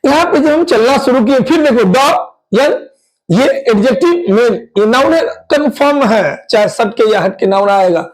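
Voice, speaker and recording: A man's voice: very high-pitched, expressive, moderate pace, poor audio. A man teaching an exam-prep English grammar lesson, drawing out his explanations and asking his students repeated questions.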